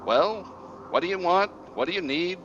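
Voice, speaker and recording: A man voicing a surly, irritable old witch in a gravelly voice, speaking in curt, grumbling sentences for a tabletop game. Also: high voice, expressive, moderate pace, fairly bright tone, muffled recording, slight background noise, voice pushed up. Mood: curt, dismissive. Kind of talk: in-character tabletop role-play. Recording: music behind the voice.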